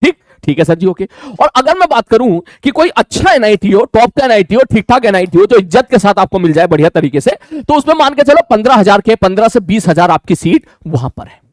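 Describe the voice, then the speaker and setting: A man teaching a live online class, talking fast and repeating his phrases with frequent checks for understanding. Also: sits high, sing-song, no room sound, clean studio sound.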